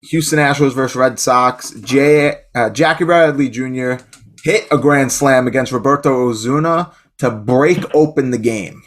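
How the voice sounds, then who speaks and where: Excitable rambling man on a podcast. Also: medium pitch, moderate pace. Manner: excitable, rambling, frequent restarts. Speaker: podcast co-host. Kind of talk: casual chat.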